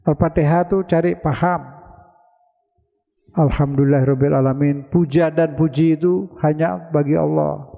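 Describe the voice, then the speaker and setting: High-voiced man preaching in a reverberant mosque. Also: fairly even intonation, moderate pace, creaky. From Indonesia. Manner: conversational, asks listeners questions and answers them himself. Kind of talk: sermon. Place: large mosque hall. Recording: dull lo-fi recording with long hall reverb.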